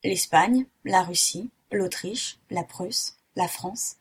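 Husky-voiced excitable French geographer, theatrical outbursts; woman reader. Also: lowish voice, takes it slowly, full character voice. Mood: excited. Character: excitable middle-aged male French geographer.

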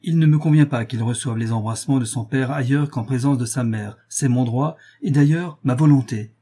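A man reading the lines of a composed, commanding noblewoman and mother in a calm, firm voice. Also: mid-range voice, a little fast, husky.

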